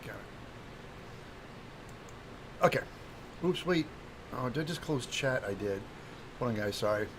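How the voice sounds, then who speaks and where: A slightly hungover man with a phlegmy throat, hosting a casual craft livestream in a halting, distracted, apologetic way while he works and chats to viewers. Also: medium pitch, expressive, noisy background. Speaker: livestream host, craft demonstrator.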